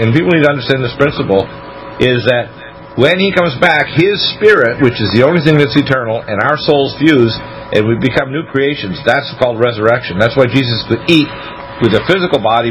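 A man's voice: medium pitch, low-quality recording. An American man hosting religious talk radio, talking at length and emphatically, stretching out key words as he preaches. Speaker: radio talk show host, doctor. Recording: radio broadcast with faint noise.

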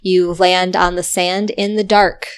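A woman improvising horror narration as game master of a tabletop game, with deliberate, suspenseful description. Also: on the low side, level tone, smooth.

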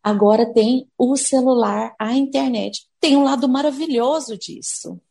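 A woman's voice: high voice, a little slow, creaky, mellow. A woman, a speech therapist answering interview questions patiently and acting out what parents and children say. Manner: explains patiently, acting out parents' and kids' words.

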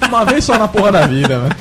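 A man's voice: high-pitched, sing-song, fairly quick, over music. A man in casual podcast chat who teases the others with questions and laughs. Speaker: podcast co-host.

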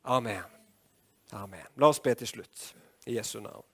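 A man preaching a sermon, swinging from loud impassioned calls to hushed, quiet prayer and asking the congregation questions. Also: fairly low pitch, husky.

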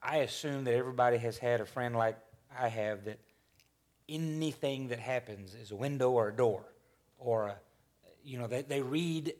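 A man in his fifties leading a church panel discussion in a folksy, rambling way, often restarting his sentences. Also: mid-range voice. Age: 50s. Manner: rambling, self-correcting, folksy.

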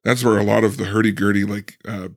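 A young man co-hosting a book podcast, chatting casually with halting restarts and frequent laughs. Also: lowish voice, flat delivery. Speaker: podcast co-host. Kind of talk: casual chat.

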